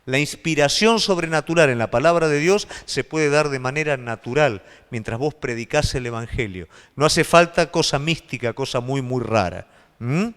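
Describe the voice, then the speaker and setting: A man with a Rioplatense Spanish accent, a pastor preaching a sermon with animated delivery and frequent rhetorical questions. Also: medium pitch, moderate pace, clear, resonant tone, in a large hall.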